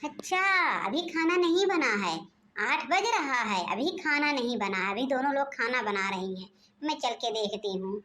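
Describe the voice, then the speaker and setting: A woman voicing a domineering, arrogant older mother-in-law in a cartoon, shouting and taunting her daughters-in-law. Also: fairly high pitch, lively intonation, moderate pace, slight background noise. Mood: scolding. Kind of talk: cartoon voice acting.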